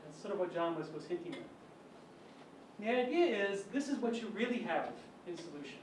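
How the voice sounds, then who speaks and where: Guy with a higher voice telling funny stories in a lecture, sounds far off in a big echoey hall. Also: sing-song, fairly quick. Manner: chatty, anecdotal, self-amused. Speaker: physics colloquium speaker. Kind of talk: informal academic lecture. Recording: echoey lecture hall, mic at a distance, faint hum.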